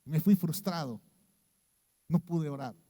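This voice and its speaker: A man with a Mexican Spanish accent preaching a sermon as a pastor, telling a story and dropping low and hushed when he mimics someone, often checking in with "¿sí?". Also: takes it slowly, in a large hall.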